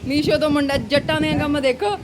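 A woman with a Punjabi accent chatting casually as a family vlogger, with an animated, exclaiming manner. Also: sits high, a little fast, background noise. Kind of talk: casual family vlog chat.

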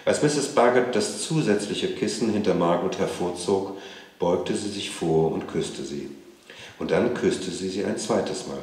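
Deep-voiced man reading aloud, echoey. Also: measured pace, a little mellow. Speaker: reader at a literary event. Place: museum event space. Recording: echoey room.

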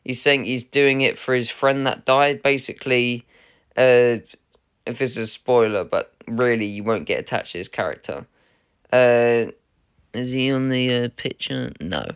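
A man's voice: medium pitch, a little slow, a bit bright, clean tone. A man hosting his own unboxing video, talking in a casual, rambling way with lots of hesitations and self-corrections. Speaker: channel host unboxing a film collector's edition.

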